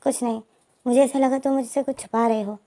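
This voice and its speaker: Play a woman lending her voice to a gentle young lover in a storybook retelling who hides his hurt. He speaks softly and hesitantly, apologizing through tears. The voice stays fairly high and warm. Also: fairly even intonation, a little fast, lightly acted.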